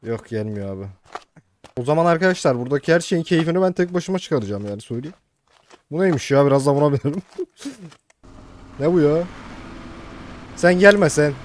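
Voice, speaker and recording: Excitable young man doing game commentary. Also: on the high side, moderate pace, long pauses, slight background noise. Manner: excitable, joking, chatty with viewers. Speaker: gaming youtuber. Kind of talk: casual let's-play commentary.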